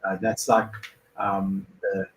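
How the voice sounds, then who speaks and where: In a level, low-side voice at a slow pace, a Bulgarian-born man hosts a car dealer's viewer Q&A. His casual advice comes conversationally, explained step by step and dotted with fillers. The audio carries a little hiss or hum, roomy echo and faint ambience.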